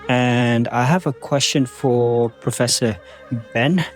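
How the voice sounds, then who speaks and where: A man's voice: mid-range voice, takes it slowly, soft background music. A man from Nepal, a podcast listener asking an earnest question with frequent hesitations.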